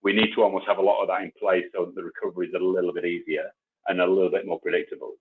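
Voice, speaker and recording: A man with a deep, husky voice talks through his points on a video call, hedging and correcting himself with plenty of ums. The sound is thin and tinny, like a phone line. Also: flat delivery, very fast. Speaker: webinar panelist. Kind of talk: online webinar discussion.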